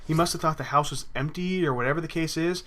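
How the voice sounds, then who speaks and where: Talking fast in a slightly high, fairly bright voice, this young man comments on his gameplay while telling a profane, meandering personal story. He keeps restarting his thoughts as he goes.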